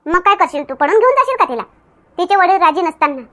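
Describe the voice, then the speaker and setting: A woman's voice: very high-pitched, big pitch swings, fast talker, pushed and bright, full character voice. A woman playing a worried village aunt who lectures her nephew and keeps coaxing "okay?", speaking with a Varhadi Marathi accent in a comedy sketch. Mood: lecturing.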